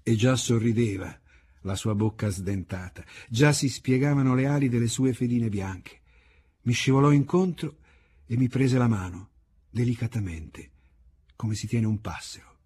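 A man reading a novel aloud as an audiobook, in measured, unhurried literary narration. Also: mid-range voice, darkish tone, breathy edge. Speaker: audiobook reader.

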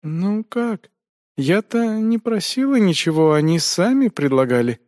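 A man's voice: sits high, animated, unhurried, a little mellow, no echo, clean studio sound, pitched above the performer's own voice. A man voicing a frightened, shamefaced young village widow under interrogation, answering timidly. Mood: reluctant, ashamed.

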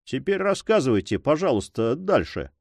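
A man's voice: mid-range voice, sing-song, normal speed, creaky, a little mellow, dry recording, clean studio sound. A man reading aloud, voicing a proud, hot-tempered forester who exclaims with passion. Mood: impatient. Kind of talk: audiobook character reading.

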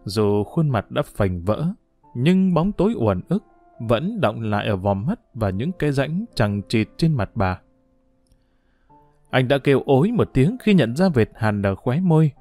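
A man's voice: mid-range voice, very animated, measured pace, mellow, faint music behind. A man narrating a story as an audiobook, reading expressively.

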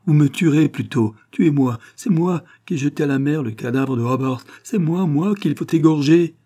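A man's voice: on the high side, normal speed, pitched above the performer's own voice, lightly acted. A man voicing a frantic young man crying out. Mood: frantic defiance. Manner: strangled, shouting defiance. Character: desperate young man shielding his father.

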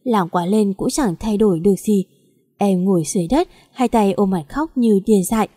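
A woman narrating a dramatic first-person audio story in a steady, somber way. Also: mid-range voice, normal speed, husky, in a large hall.

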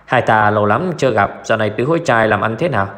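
A man's voice: fairly low pitch, animated, quick pace, a bit bright. A man doing a glib, grinning young swindler. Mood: glib joking. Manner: breezy, glib, joking.

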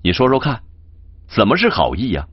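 A man's voice: mid-range voice, wildly swooping pitch, brisk, breathy edge, no room sound, dull audio, pitched above the performer's own voice. A man voicing a playful, spoiled young rich master who banters and scolds in jest. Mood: bantering.

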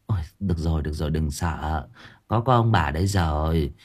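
A man voicing a doting old village grandmother who coaxes and fusses in a soft, low voice. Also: sing-song, normal speed, vocal fry, slightly rough, heavily acted. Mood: coaxing. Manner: soft, coaxing and fussing.

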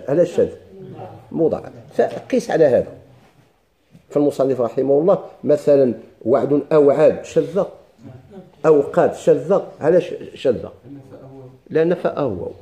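A man's voice: mid-range voice, dark tone. A man with a Moroccan Arabic accent teaching a grammar lesson to a class, quizzing students and repeating his questions.

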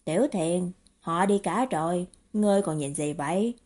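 A woman's voice: normal speed, natural voice. A woman doing a cold, reserved young man. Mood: cold quiet. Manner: flat, low, clipped replies. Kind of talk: audiobook character voice.

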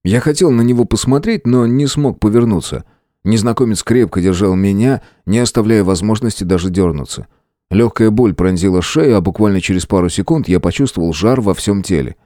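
A man narrating a first-person audiobook in an expressive, dramatic way. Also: lowish voice, fairly quick, no echo, clean studio sound. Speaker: audiobook reader.

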